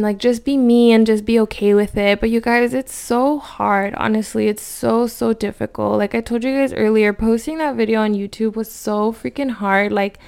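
A woman's voice: fairly high pitch, clean tone. A woman in her thirties hosting a casual solo podcast, chatting loosely with many "like" fillers and dropping Spanish words. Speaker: podcast host.

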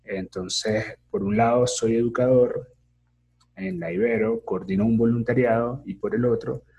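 A man speaks as an interview guest, a teacher training as a therapist. His voice is gravelly with a very husky, breathy grain. He explains things thoughtfully, pausing on fillers and checking in with "ok?". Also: medium pitch, warm tone, muffled recording. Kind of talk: casual explanatory conversation.

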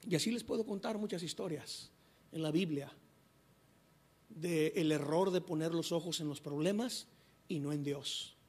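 A man's voice: on the high side, normal speed, long pauses, darkish tone, slightly rough. A male pastor preaching a sermon, acting out quoted dialogue with restarts.

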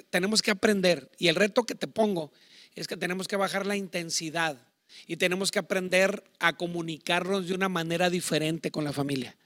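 A middle-aged man with a Mexican accent preaching a sermon on marriage, talking loudly in a chatty, digressive way with asides. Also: high voice, no room sound, studio quality. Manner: loud, self-admittedly talks shouting. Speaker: pastor. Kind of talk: sermon on marriage to online viewers.

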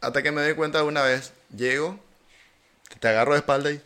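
A man who teaches languages, a guest on a casual podcast. He tells anecdotes in an animated way, laughing often as he goes. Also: fairly high pitch, fast, clear, resonant tone.

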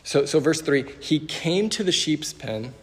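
A man's voice: a little high, animated, measured pace. A young man preaching a casual sermon with many fillers, telling a funny story before reading scripture. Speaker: youth preacher. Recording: long hall reverb.

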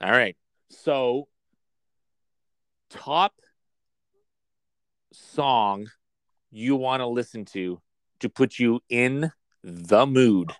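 Speaking at a medium pitch, this man talks very slowly and pauses often. He's co-hosting a casual podcast chat, joking around playfully and slipping into a mock commercial-announcer voice.

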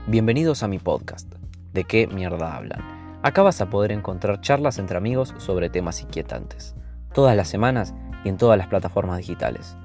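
Young male podcast host, Rioplatense accent, deliberately robotic monotone delivery. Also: sits low, faint music behind. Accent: Rioplatense Spanish. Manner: flat, mechanical robot-like voice on purpose. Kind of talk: podcast intro.

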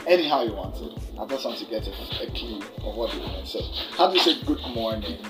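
Very deep-voiced teasing woman interviewer. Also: animated, fast talker. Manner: teasing, playful, repeats herself. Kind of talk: casual street interview. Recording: background music.

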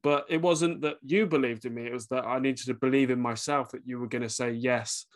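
A man hosting his own podcast who speaks in an easygoing, reflective way. He uses casual fillers as he works through his thoughts and laughs along often. His voice sits at a middle pitch. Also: fairly even intonation, brisk. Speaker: podcast host. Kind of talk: conversational interview.

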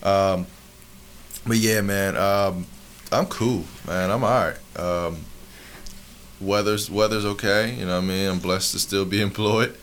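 A young man with a low, smooth radio-style voice hosts a casual podcast. His talk is slangy and laid-back, full of "you know what I mean", with faint noise behind it. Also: steady tone, measured pace, a bit bright. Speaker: podcast host.

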